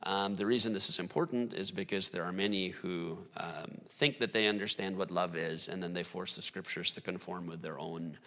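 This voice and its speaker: Low gravelly man discussing theology. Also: normal speed, few pauses, long reverb tail. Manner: thoughtful, many fillers, lively laughs. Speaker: guest theologian.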